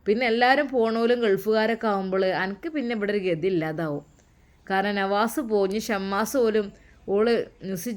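A woman voicing an affectionate older mother who gently coaxes and persuades in a storybook tale. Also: medium pitch, natural voice. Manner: coaxing, affectionate. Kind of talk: storytelling voice acting.

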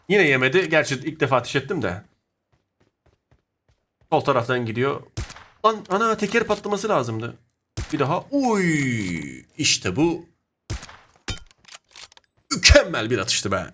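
A young man talks through his mobile shooter match as he plays, at a middle pitch. He drops into quiet mutters and then jumps up into sudden excited shouts, his voice swinging widely. Faint game gunfire sits underneath. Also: slight background noise. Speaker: gaming YouTuber. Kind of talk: live gameplay commentary.

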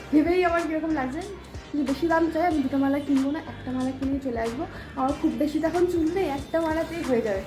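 A young woman, chatting casually in a vlog as she gets ready and does her makeup, sounding tired. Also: sits high. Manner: chatty, talks while doing her makeup. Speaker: vlogger. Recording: music playing underneath.

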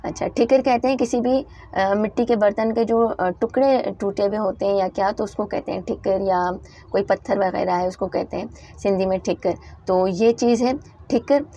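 A woman's voice: medium pitch, steady tone, mellow. Patient woman teaching letters. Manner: explains slowly, repeats word lists, many "uh" fillers. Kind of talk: patient language lesson.

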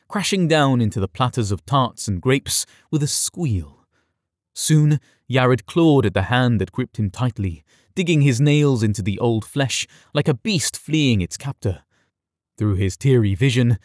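Expressive male storyteller, dry close sound. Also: medium pitch, no echo. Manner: expressive, dramatic reading. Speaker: audiobook narrator. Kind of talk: scripted story narration.

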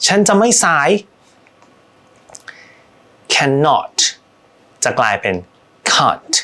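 A man tutors English in a chatty, student-facing way. His pitch rises and falls freely as he explains, and he drops into slow, careful delivery for each example sentence. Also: big pitch swings, sharp tone. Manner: slows down to model example sentences; chatty, addresses students directly. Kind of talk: language lesson.

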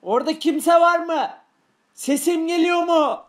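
A man's voice: extremely high pitch, unhurried. A man voicing a wary police chief inspector who gives orders at a crime scene in a game-video drama.

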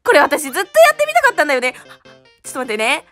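A young woman giving casual gameplay commentary as a streamer, excitable and quick to break into shouts and laughter. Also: high-pitched, soft background music. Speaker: game streamer.

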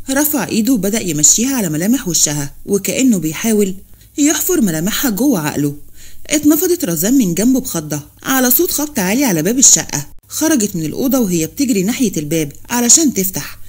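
A woman's voice: mid-range voice, mellow, husky. A woman reading a scripted romance story as narrator.

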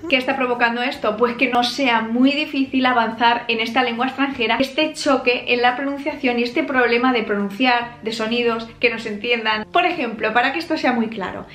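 A woman with a Spanish accent from Spain, explaining a language lesson in a clear, teacherly way. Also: a little high, normal speed, hardly any pauses, a bit bright, echoey room. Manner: clear, explanatory, laughs between points.

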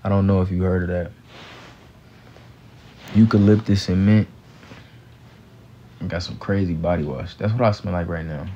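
A young American man chatting casually on a livestream, answering comments in a tired, laid-back, slangy way with a gravelly voice. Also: deep voice, steady tone, moderate pace, long pauses, dark tone. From Gary, United States. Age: young adult. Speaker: live streamer, actor. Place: small room indoors, lying down. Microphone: handheld phone at close range. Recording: muffled phone livestream with background noise.

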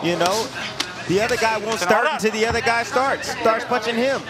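A high-pitched man offers boxing analysis in a loose, conversational way. He talks colloquially and bluntly, circling back over his phrases. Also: steady tone, moderate pace, a loud crowd. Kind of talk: conversational sports commentary.

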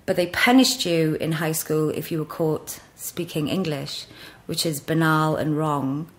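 A middle-aged woman from Wales, appearing as a podcast guest, tells stories frankly and laughs easily in a casual chat recorded in an office. Her voice is low and unhurried.

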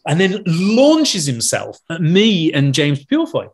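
A man, a wine expert, telling a lively anecdote on a podcast, acting out other people's lines and laughing as he goes. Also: on the high side, measured pace, husky. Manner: animated storyteller, acts out quotes, laughs mid-sentence.

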